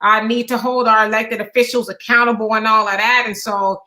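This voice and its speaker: Bright-voiced woman co-hosting a talk show. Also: fairly high pitch, little pitch movement, fairly quick. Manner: chatty, meandering, many fillers. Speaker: co-host. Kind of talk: casual political talk show chat.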